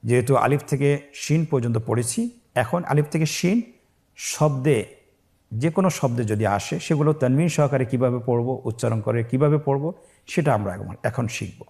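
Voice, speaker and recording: A man teaching Quran reading, leading slow call-and-repeat spelling drills of letters and syllables. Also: medium pitch, gravelly, darkish tone. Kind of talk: slow drilled recitation lesson.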